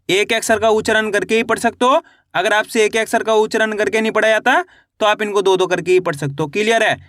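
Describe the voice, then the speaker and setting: A man teaching children to read, spelling out syllables slowly and asking and answering his own questions. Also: high-pitched, fairly bright tone, no room sound, clean studio sound. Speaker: Hindi reading teacher. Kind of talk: spelling-out phonics lesson.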